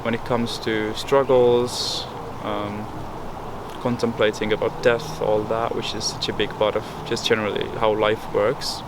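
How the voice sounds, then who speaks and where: A young man from Estonia talks over loud traffic and air-conditioning hum, reflecting slowly with many fillers and restarts. His voice sits fairly low and stays flat. He answers an interviewer in a loose, searching way. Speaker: research interviewee. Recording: loud background noise, urban outdoor hum.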